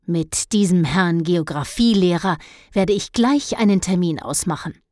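A stern but caring middle-aged mother from a storybook, scolding one moment and coaxing gently the next, as a woman reads her lines. Her voice sits a little low and is delivered unhurried. The recording is close and dry. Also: no echo, lightly acted. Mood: indignant.

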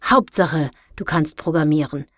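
A woman reading a storybook, voicing a loud, domineering male amusement park boss who booms and bosses people around. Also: measured pace, no room sound, clean studio sound. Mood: bossy. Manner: booming, bossy, overbearing.

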